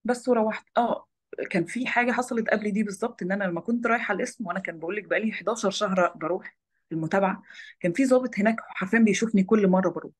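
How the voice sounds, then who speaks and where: A woman's voice: mid-range voice, slightly rough. A young woman with an Egyptian Arabic accent, a former lawyer turned photojournalist, recounting her own experiences as an interview guest. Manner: rapid, tumbling storytelling.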